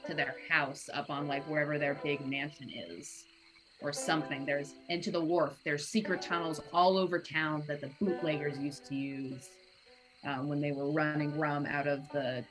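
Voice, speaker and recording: A woman's voice: low-pitched, steady tone, normal speed, music in the background, poor audio. A woman chatting casually as a player in a tabletop game, rambling and laughing as she tosses out ideas.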